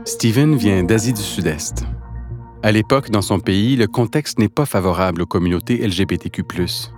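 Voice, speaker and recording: Man, narrator, scripted, smooth, explanatory, fairly low voice, clear music underneath. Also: moderate pace.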